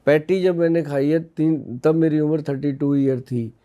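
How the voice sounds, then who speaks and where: A man's voice: a little high, steady tone, normal speed, muffled recording. A man from India in his fifties, an Ayurvedic expert on a podcast, explaining in a folksy way with personal anecdotes. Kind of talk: casual podcast interview.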